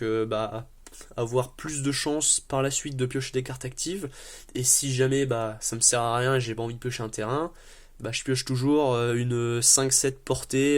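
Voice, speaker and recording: A man presenting a card game deck in a casual way, explaining card by card, paraphrasing the rules text, with easygoing, light self-mocking asides. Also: medium pitch.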